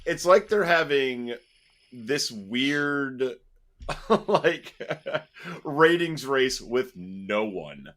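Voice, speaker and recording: A man's voice: medium pitch, big pitch swings, very slow, a bit bright. A man hosting a podcast, talking casually with wry, opinionated commentary and laughing while he makes his points. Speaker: podcast host. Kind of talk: casual chat.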